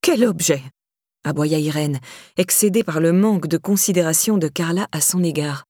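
Woman narrator, low and mellow, dry close studio sound. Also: moderate pace, no echo. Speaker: audiobook narrator. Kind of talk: scripted narration.

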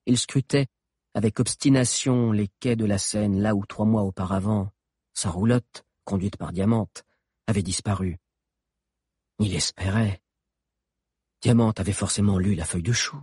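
A man's voice: fairly low pitch, moderate pace, breathy edge, no echo, studio quality. A man reading a novel aloud as scripted narration, telling the story expressively. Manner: expressive storytelling, voices characters. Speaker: audiobook narrator.

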